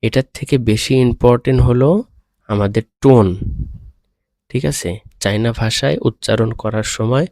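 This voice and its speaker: A man's voice: on the low side, warm tone, no echo. Patient male language teacher, dry close sound. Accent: Bangladeshi Bengali. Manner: patient, repeats "okay?" after each point. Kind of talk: screen-recorded lesson explanation.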